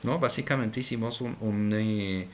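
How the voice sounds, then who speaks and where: A programming instructor with a lowish voice takes his time in a screen-recorded coding lesson, reasoning aloud as he types and frequently checking in with viewers through "¿cierto?". Keyboard typing, clicks and audible noise come through in his home recording.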